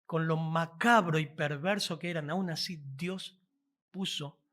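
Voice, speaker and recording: A male pastor with a Rioplatense accent, preaching a sermon with animated delivery, reading scripture aloud and adding joking asides to the congregation. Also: a little high, unhurried. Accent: Rioplatense Spanish.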